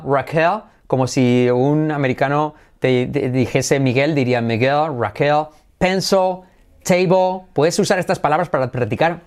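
Upbeat man teaching English sounds. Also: on the high side. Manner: enthusiastic, switches between Spanish and English, repeats words for practice. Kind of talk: energetic online language lesson.

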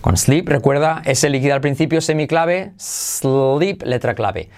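A man teaching English pronunciation in a podcast lesson, drilling each phrase slowly and repeating it. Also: on the high side, lively intonation.

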